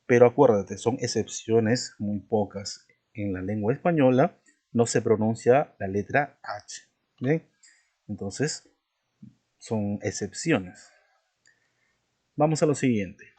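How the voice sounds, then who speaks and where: A man's voice: on the low side, mellow, breathy edge. Man teaching a patient spelling lesson. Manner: explains slowly, repeating key words with tag questions.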